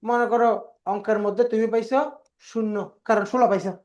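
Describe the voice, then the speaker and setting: A woman's voice: a little high, little pitch movement, fast, darkish tone, lo-fi sound. Woman teacher lecturing patiently. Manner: explains patiently, repeats key words, poses questions and answers them. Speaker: exam prep teacher. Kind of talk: classroom lecture.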